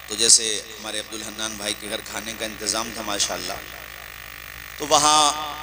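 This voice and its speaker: A man giving a sermon to a live gathering, rising into loud impassioned calls and prompting the audience to answer back. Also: on the low side, background noise. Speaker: preacher.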